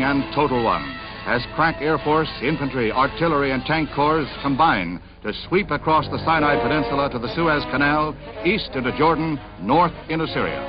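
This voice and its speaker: A man narrates an old newsreel in a brisk, dramatic announcer's delivery. His voice sits a little high for a man and comes through muffled and lo-fi. Loud music plays underneath him the whole time. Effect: old newsreel recording. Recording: dull lo-fi newsreel sound with music behind.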